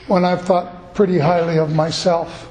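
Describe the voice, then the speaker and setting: A man's voice: high voice, little pitch movement, moderate pace, a little mellow, echoey room, a little hiss or hum, rough recording. A middle-aged man preaching a sermon, earnest and telling stories from his own life. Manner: earnest, storytelling.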